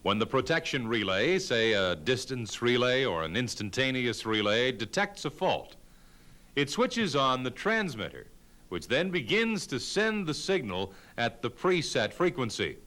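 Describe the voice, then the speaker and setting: A man narrating a scripted technical lesson as an instructor, in a measured, explanatory way with emphasis on key terms. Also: medium pitch, big pitch swings, pushed and bright.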